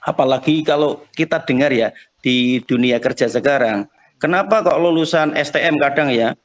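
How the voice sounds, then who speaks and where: A man speaks in a middle-pitched voice. He sounds polite and earnest as he explains his plans as a teacher. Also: moderate pace. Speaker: primary school teacher being coached. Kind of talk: coaching conversation practice.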